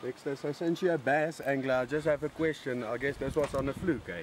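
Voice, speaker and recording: A man's voice: mid-range voice, steady tone, fairly quick, a little hiss or hum. A young Afrikaans man with a South African accent talks casually to camera outdoors on a river bank. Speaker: angler.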